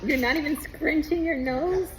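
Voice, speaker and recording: A woman's voice: high-pitched, normal speed, poor audio. A woman chatting casually for a home video in a playful, teasing way.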